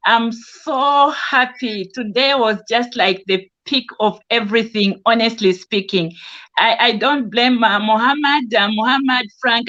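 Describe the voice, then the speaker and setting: An earnest woman from Zambia speaks in a fairly high voice, often restarting her sentences and filling gaps. She is calling in from home over a video link. The audio is dull and lo-fi. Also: a bit bright. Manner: earnest, with frequent restarts and fillers. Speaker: caller on an online discussion. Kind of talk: casual spoken testimony.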